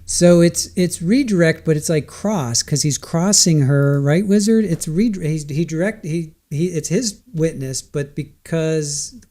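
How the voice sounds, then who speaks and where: Mellow, high-pitched man reacting live over hiss. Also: unhurried, hardly any pauses. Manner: rambling, self-correcting, exclaiming. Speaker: livestream trial commentator. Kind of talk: casual live reaction commentary. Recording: low hiss under the voice.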